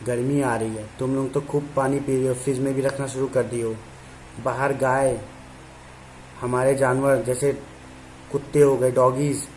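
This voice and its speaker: A man's voice: mid-range voice, a little mellow, a little hiss or hum, low-quality recording. A male teacher chatting with his students in an online class, talking casually and teasing them fondly.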